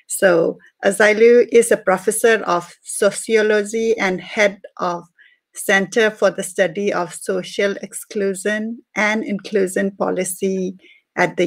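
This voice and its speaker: A middle-aged woman hosts an online interview with a smiling delivery. Her voice sits at a medium pitch, and the sound is dry, with no room echo. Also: gravelly, a bit bright. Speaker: show host. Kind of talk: interview hosting. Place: small room indoors. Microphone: headset on a video call.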